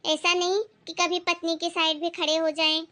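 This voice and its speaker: A woman's voice: very high voice, level tone, moderate pace. A woman acting a bossy, cruel mother-in-law who scolds her daughter-in-law in a family drama. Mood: complaining. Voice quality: scolding, sharp-tongued.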